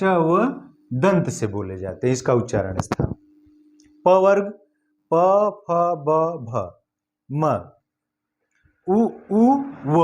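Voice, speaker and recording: A male teacher giving an exam-prep lesson, slowly sounding out each letter one by one. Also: on the high side, a little mellow. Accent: Hindi-speaking north Indian.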